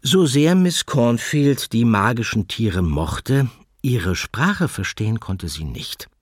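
A man narrating a children's audiobook in an expressive storytelling manner. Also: medium pitch, slow pace, slightly rough, no room sound, clean studio sound.

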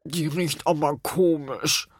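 A woman's voice: low voice, steady tone, slow pace, husky, no echo, studio quality, exaggerated voice. Woman doing a grumpy little apple-man. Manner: grumbling, suspicious.

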